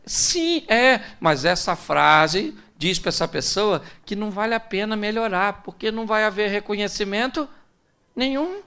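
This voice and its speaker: A man's voice: sits high, moderate pace, pushed and bright, clear, resonant tone. A man with a Brazilian Portuguese accent, a pastor giving a conversational, humorous sermon and speaking directly to his audience. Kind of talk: sermon on relationships.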